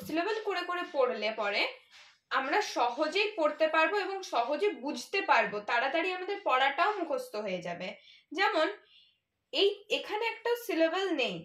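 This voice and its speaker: Female teacher, high bright voice, patient letter-by-letter spelling, echoey room. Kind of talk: children's English lesson.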